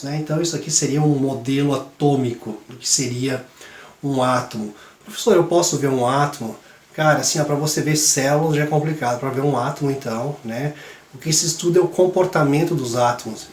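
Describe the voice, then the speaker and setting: Hoarse teacher, echoey room. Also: male voice, medium pitch. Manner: chatty, relaxed, many fillers. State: hoarse from a cold. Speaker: science teacher. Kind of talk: classroom lesson for kids.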